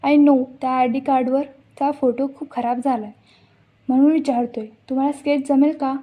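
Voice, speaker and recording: A woman's voice: high-pitched, fairly even intonation, moderate pace, warm tone, natural voice. A woman reading the lines of an anxious young man. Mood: puzzled. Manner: plain reading of quoted lines. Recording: dull lo-fi recording.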